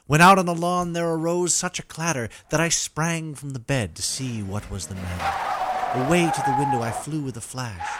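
A man's voice: mid-range voice, fairly bright tone, a little hiss or hum. A man narrating a scripted comic story as host, with theatrical, emphatic delivery.

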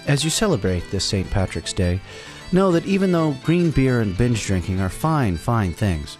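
A man hosting and narrating a scripted story in a wry, dramatic delivery with deliberate pauses. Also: lowish voice, darkish tone. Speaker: host and storyteller. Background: music bed.

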